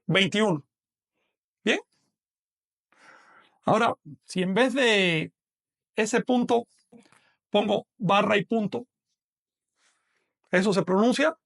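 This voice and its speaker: A man's voice: sits high, slow pace, gravelly, pauses often, fairly bright tone. A man teaching a live online lesson, patiently explaining step by step and asking questions that he then answers himself.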